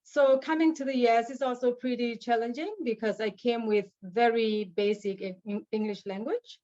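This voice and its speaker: A woman from Burma shares her personal story as a guest on an online panel, speaking English she learned as an adult. Her fairly high, slightly mellow voice stays fairly even as she talks earnestly, haltingly, with many restarts. The video call audio is dull and lo-fi.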